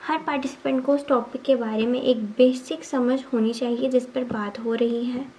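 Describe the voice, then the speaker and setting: High-pitched woman teacher going over exam notes, asks and answers her own questions, faint hiss behind. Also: fairly even intonation, moderate pace, warm tone, low-quality recording. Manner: mixes English terms into Hindi, often says 'ठीक है'. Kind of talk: exam revision lesson.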